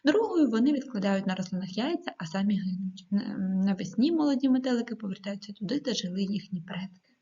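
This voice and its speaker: In a dull lo-fi recording, a woman teacher leads a video class for schoolkids, reading out words slowly and distinctly and sometimes pausing on a filler. She has a mid-range, mellow voice and an animated delivery.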